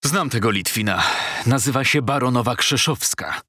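A man's voice: mid-range voice, expressive, normal speed, breathy edge, no echo, clean studio sound. A man playing a cold, curt merchant. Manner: sharp, unpleasant, clipped. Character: stern middle-aged merchant, curt and cold.

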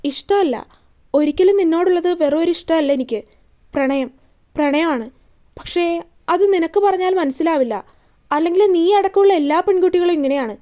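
A woman's voice: extremely high pitch, a little fast, pauses often. A woman voicing a tender young man in love. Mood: hurt. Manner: softly pleading and playful.

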